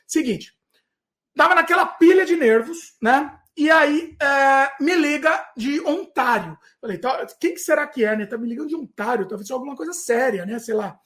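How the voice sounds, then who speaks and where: A man hosting a casual podcast, telling stories in an animated way with frequent restarts. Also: very high-pitched, moderate pace. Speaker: podcast host.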